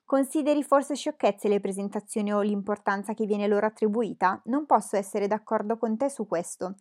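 A woman reading a dry, teasing gentleman father. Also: medium pitch, normal speed, close to an everyday voice. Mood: wry teasing.

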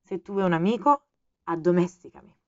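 Una donna che legge la parte di una volpe femmina gentile e saggia, paziente e un po' malinconica, con tono serio e persuasivo, in un audiolibro. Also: female voice, on the low side, fairly quick, dry recording, dull audio, natural voice. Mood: patient. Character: gentle wise female fox, patient and a bit melancholy.

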